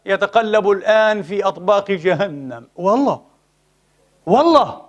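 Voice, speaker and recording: Impassioned fast-talking male preacher. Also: high voice, a bit bright. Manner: impassioned, rhetorical questions. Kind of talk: sermon.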